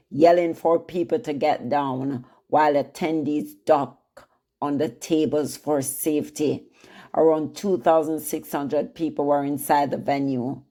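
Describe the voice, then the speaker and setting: A woman narrating a scripted news segment, grave and slow, addressing viewers directly. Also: low voice, mellow. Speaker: news channel host.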